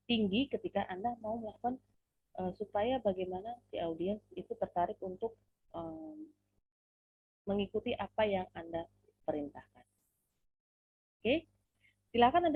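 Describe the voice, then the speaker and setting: A woman's voice: a little high, gravelly, husky, no echo. A woman giving a public speaking training, explaining and demonstrating delivery. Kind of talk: online training talk. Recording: phone-like narrow audio.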